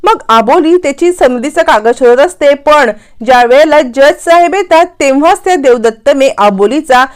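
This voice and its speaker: A woman's voice: high voice, lively intonation, moderate pace. A woman retelling a TV serial episode, acting out the characters' lines as she goes. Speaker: narrator.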